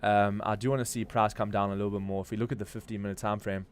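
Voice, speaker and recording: This crypto trading stream host from Durban, South Africa, speaks fast in a fairly low, clear, resonant voice with little pitch movement. With his South African accent, he gives casual, slangy market commentary live, thinking aloud.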